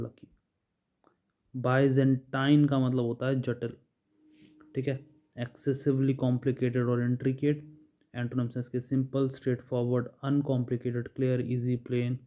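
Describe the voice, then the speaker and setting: A man's voice: mid-range voice, dark tone. A man teaching a bilingual vocabulary lesson, reading word lists and explaining each in Hindi with frequent "ठीक है". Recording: dull lo-fi recording.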